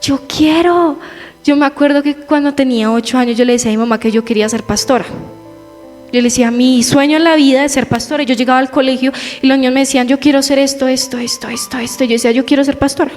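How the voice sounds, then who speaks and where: A young woman giving a personal testimony in church, telling her story with lively quoted asides. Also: high voice, racing. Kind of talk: testimony sermon. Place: church hall. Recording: reverberant church hall with faint music.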